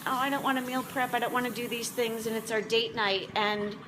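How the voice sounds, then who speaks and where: A woman in her forties, working as a motivational vlog host and food prep coach, chats casually and ramblingly to camera. Her voice is a little high and flat, fairly quick, with background noise present.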